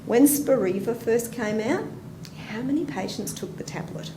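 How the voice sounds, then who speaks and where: In a roomy conference hall with background noise, an Australian nurse educator gives a chatty, anecdotal presentation and puts questions to the audience. Her voice is a little high and expressive, at a moderate pace.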